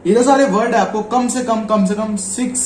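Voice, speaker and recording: A man with an Indian Hindi accent gives a casual spoken lesson. His voice sits fairly high for a man, and he explains patiently, drawing out the example words. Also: fairly even intonation, normal speed, a little hiss or hum. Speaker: shorthand teacher.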